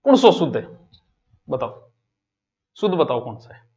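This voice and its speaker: A man's voice: mid-range voice, very animated, normal speed, a little mellow. A man with a Rajasthani accent teaching an exam-prep lesson, quizzing his students and moving between Hindi and local dialect. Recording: dull lo-fi recording.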